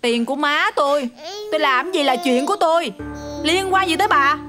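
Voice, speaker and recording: A woman's voice: sits high, normal speed, close to an everyday voice. An actress playing a spoiled, arrogant young woman who talks back rudely, speaking with a Southern Vietnamese accent. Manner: rude, arrogant, dismissive. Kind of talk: TV drama acting. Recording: music score under dialogue.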